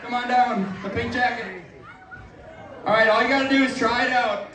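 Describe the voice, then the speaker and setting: A man performing in a live lumberjack comedy show, trading deadpan jokes with the emcee and the audience. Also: very high voice, moderate pace. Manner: deadpan, joking comebacks. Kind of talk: live comedic stage banter. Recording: distant, echoey, with crowd and ambient noise.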